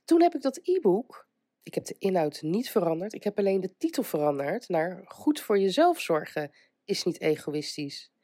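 A woman hosts a casual motivational podcast in a lowish, warm, very animated voice at normal speed, recorded dry with clean studio sound. She's getting over an illness, stuffed up and congested from a cold, and comes across chatty and hesitant, breaking into small laughs.

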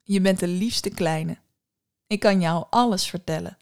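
A woman's voice: fairly low pitch, a little slow, gravelly, a little mellow. Storybook figure: cheerful, self-absorbed young prince, read by a woman, eager and doting.

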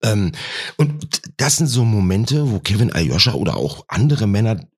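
A man tells a comic story in a wry tone and slips into the characters' voices. His voice is very low and strongly husky. The recording is dry and close, with no room around it. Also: expressive, moderate pace, no room sound. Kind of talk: comedic storytelling.

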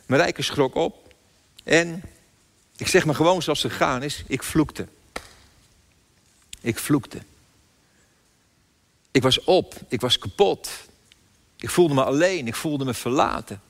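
A man's voice: a little high, gravelly. Older male preacher in a reverberant hall. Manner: storytelling, emphatic, with pauses and repetition. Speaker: pastor. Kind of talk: sermon with personal story. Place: church hall.

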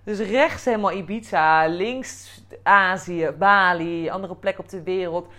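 A young woman with a Dutch accent who hosts a podcast, telling a personal story in a lively way, acting out quotes and swearing now and then. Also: fairly low pitch, unhurried. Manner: animated, lively quoting with bursts of swearing. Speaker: podcast host.

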